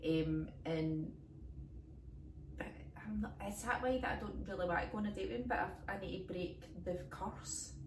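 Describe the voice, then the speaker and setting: A woman's voice: mid-range voice, moderate pace, far from the mic, background noise. A Scottish woman co-hosting a comedy podcast, telling rambling stories and laughing often, recorded on a phone. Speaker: podcast co-host. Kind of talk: casual comedic chat. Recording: echoey room, phone held off-mic.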